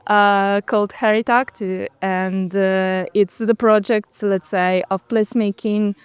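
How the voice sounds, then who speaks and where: Sitting on a bench outdoors at a city event, a woman from Russia whose first language is Russian is interviewed casually as a guest. She talks slowly in a smooth, mid-range voice with fairly even intonation, hesitating often with fillers and restarts, and the recording is dry.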